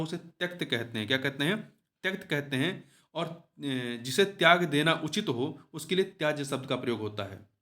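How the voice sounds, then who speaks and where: A man explaining exam test answers as a tutor, repeating each answer and asking it back as a question. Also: fairly high pitch.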